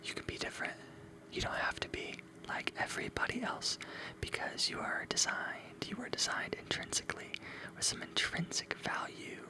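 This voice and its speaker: On a rough recording, an ASMR host whispers encouragement at a moderate pace. The voice is breathy and unvoiced, and the motivational phrases keep repeating.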